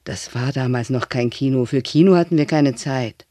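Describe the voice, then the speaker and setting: A man's voice: mid-range voice, normal speed, dark tone, dry recording, clean studio sound, natural voice. A man voicing a terse, matter-of-fact father answering his son, in an audiobook reading. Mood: curt. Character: gruff, terse father of few words.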